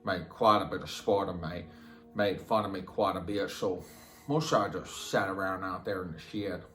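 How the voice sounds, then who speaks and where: In a dramatic film monologue, an actor plays a simple, slow, matter-of-fact rural Southern man confessing in a halting, plain-spoken, repetitive drawl. The voice is low-pitched yet pushed and bright, the mood flat and resigned, with roomy echo and music underneath.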